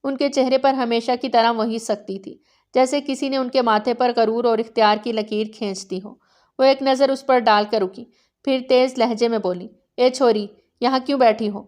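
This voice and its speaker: Female narrator for a novel reading, steady and dramatic, slightly high voice. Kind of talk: reading a romance novel aloud.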